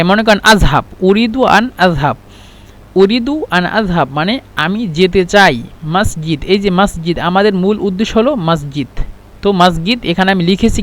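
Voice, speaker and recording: A man with a Bangladeshi Bengali accent teaching a spoken language lesson, explaining slowly with many fillers and restarts and repeating example phrases. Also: high-pitched. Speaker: Arabic teacher.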